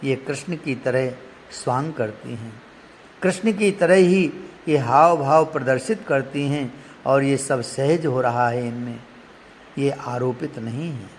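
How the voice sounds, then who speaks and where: A man preaching a devotional story in a measured, emotive way, often addressing the listener directly. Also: medium pitch. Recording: long hall reverb, faint background noise.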